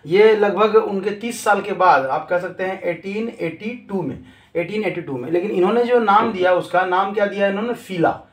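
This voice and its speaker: A man with a fairly high voice gives a classroom lecture at a moderate pace, posing questions and then answering them himself. He repeats each key term more than once, and the echoey room gives his voice a clear echo.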